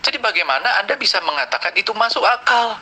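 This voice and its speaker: A man's voice: high voice, animated, fast talker, bright, forceful tone, slight background noise, low-quality recording. A man, a pastor, arguing a religious point in a heated online debate in a lecturing way. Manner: argumentative, lecturing.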